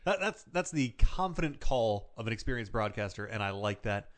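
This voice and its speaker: A man's voice: on the low side, very animated, fairly quick. A man co-hosting a sports talk show, trading jokey banter with the guest.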